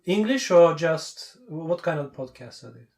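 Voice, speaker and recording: A man's voice: a little high, expressive, unhurried, darkish tone. Skeptical, pressing male interviewer. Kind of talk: casual interview, questioning.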